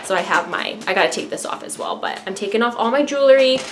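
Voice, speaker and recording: A woman's voice: on the high side, animated, quick pace, slight background noise. A woman talking casually and directly to viewers in an informal, chatty vlog style. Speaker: vlogger.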